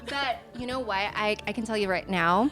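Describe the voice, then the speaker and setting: A woman's voice: mid-range voice, moderate pace, a bit bright. Woman, 20s, from the US, guest, casual chat, earnest reflective manner, faint background music. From United States.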